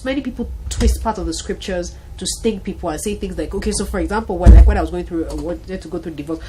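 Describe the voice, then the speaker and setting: A woman in her thirties with a Nigerian accent, telling lively stories in a casual talk-show conversation and acting out voices. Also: on the low side, quick pace, noisy background. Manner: animated storyteller, acts out voices, laughs often.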